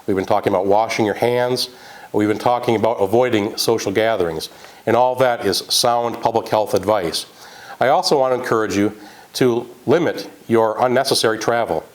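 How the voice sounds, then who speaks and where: A man delivers a public health update as a county health official. His voice sits slightly low, and he speaks in a measured, earnest way. Occasional fillers break up the briefing. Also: poor audio.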